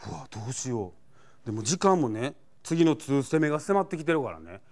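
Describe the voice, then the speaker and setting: Animated Kansai comedian, very lively pitch. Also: male voice, brisk. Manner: animated, acts out scenes, chuckles through punchlines. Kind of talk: comic storytelling monologue.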